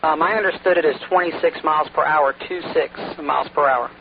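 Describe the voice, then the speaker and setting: A rapid, slightly high-voiced man acts as net control on amateur radio, reeling off call signs and storm warnings in a brisk procedural way. His voice comes through a thin, phone-narrow radio channel with faint static hiss behind it. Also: gravelly. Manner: brisk, procedural, with frequent "uh" fillers. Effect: heard over a two-way radio with static.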